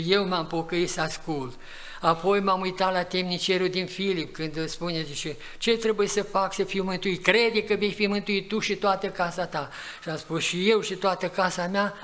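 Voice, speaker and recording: A man in his eighties preaching a farewell sermon in a church, telling stories of his faith and rising to loud exhortation, sweating as he speaks. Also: sits high. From Romania. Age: 80s. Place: church hall. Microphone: live church recording.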